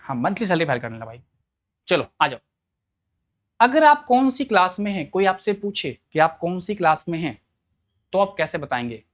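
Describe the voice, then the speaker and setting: A man's voice: high-pitched, big pitch swings, moderate pace, long pauses. A man teaching an English class, quizzing students with repeated questions and joking in a colloquial way.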